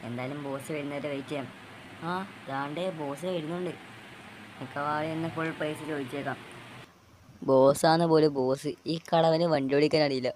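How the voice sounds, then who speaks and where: A man's voice: on the high side, steady tone, normal speed, noisy background, lightly acted. A young man voicing a desperate young worker who has just lost his job, in an amateur dub of a game short film. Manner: pleading, close to tears.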